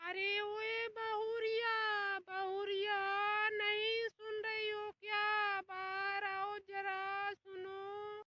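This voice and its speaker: A woman voicing a quarrelsome old mother-in-law who loves to stir up fights, calling out in a drawn-out wail. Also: very high voice, completely flat delivery, far from the mic, exaggerated voice. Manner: wailing, drawn-out shouting. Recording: loud background noise.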